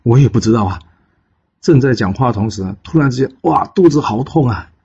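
A man's voice: mid-range voice, quick pace, dark tone, breathy edge, muffled recording. A man voicing a boastful, greedy, hot-tempered male bird immortal in a told folk tale. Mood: pained.

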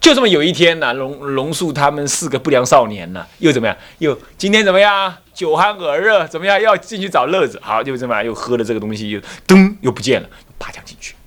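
Animated Buddhist abbot telling a story. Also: male voice, fairly high pitch, fast, hardly any pauses. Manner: animated, rhetorical questions, acts out voices. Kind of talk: dharma lecture storytelling.

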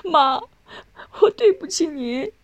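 A woman's voice: sits high, slow pace, pitched above the performer's own voice. A woman voicing a remorseful young male offender who pleads tearfully with his family.

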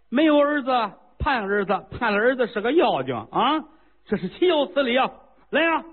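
A rash old king bellows orders in high, indignant outbursts, as a male storyteller puts him on. The voice sits well above the teller's own and swoops widely. It comes through a thin, phone-like recording.

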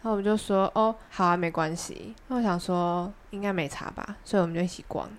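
A woman's voice: fairly low pitch, brisk. A young woman with a Taiwanese Mandarin accent, co-hosting a podcast and telling a long story in casual chat, acting out the other people's lines. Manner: chatty, animated anecdote telling with quoted dialogue. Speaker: podcast co-host.

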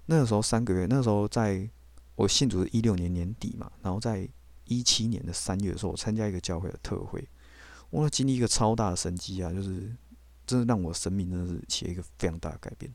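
A man tells his own faith story bluntly and candidly, with the odd swear word. His voice sits low and his words come quickly. The recording is dry and close, with no room sound. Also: a little mellow, no room sound. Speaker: podcast host. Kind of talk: personal faith testimony.

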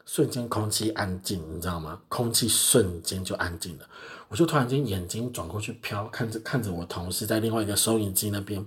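A man's voice: fairly low pitch, brisk. A young man, hosting a podcast and telling stories in a chatty, self-mocking way. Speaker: podcast host. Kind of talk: casual solo storytelling.

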